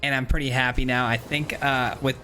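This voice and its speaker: A man talking through his card game in a relaxed play-by-play, thinking aloud, second-guessing his moves and filling pauses with ums and uhs. His voice sits at an ordinary middle pitch, with faint music playing underneath. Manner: chatty, self-critical play-by-play with frequent fillers. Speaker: gameplay streamer. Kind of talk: casual game commentary.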